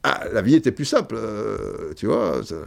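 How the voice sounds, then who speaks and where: A man's voice: lowish voice, big pitch swings, moderate pace, vocal fry. An older man from Africa, a podcast host, telling an anecdote in a rambling way with many fillers and restarts. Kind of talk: storytelling anecdote.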